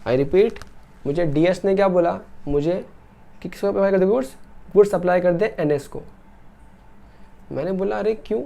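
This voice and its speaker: A man giving a recorded lecture, asking and answering his own questions and slowing down to dictate definitions. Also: high-pitched, creaky, dark tone. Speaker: teacher.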